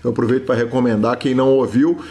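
A man's voice: medium pitch, steady tone, fast, dark tone. A man hosting a podcast interview, speaking in a formal, courteous way with playful asides. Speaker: podcast host.

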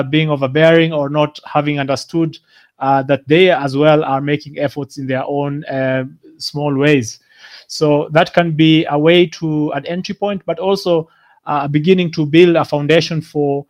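A man from Kenya speaking reflectively, with many fillers and restarts. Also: a little high. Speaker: guest speaker. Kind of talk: reflective talk.

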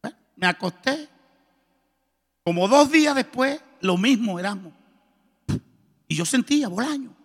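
A middle-aged man preaching a testimony sermon, telling his story in a lively way and acting out the dialogue. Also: extremely high pitch, unhurried, pauses often. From Colombia. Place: church. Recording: reverberant church hall.

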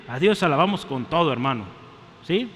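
A man's voice: fairly high pitch, animated, fairly quick, fairly bright tone, in a large hall. A man preaching a sermon with energy, calling out to the congregation and drawing it in. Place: church.

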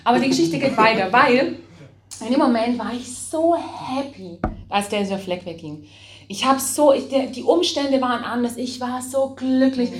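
A young woman preacher telling a personal story in a sermon, lively, acting out what she said and often laughing. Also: a little high, normal speed, a little hiss or hum. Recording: echoey church hall.

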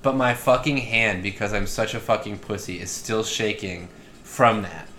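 A man's voice: on the low side, fairly even intonation, normal speed, a bit bright, slight background noise. A young man co-hosting a podcast, rambling with crude, self-deprecating jokes and lots of fillers. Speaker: podcast co-host. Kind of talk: casual podcast banter.

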